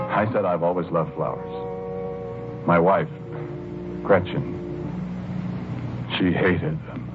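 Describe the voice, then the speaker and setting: Dreamy and earnest, a low-pitched actor voices a gentle husband devoted to his flowers in 1940s radio drama fashion, heard on a muffled old recording. He speaks haltingly and keeps repeating phrases.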